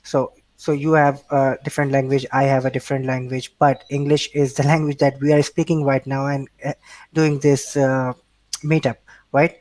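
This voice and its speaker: A Pakistani man, a native Urdu speaker with a Pakistani accent, is the guest on a casual remote interview. His medium-pitched, darkish voice stays level at a moderate pace, captured in a dry recording. He answers hesitantly, restarting often and filling gaps with fillers.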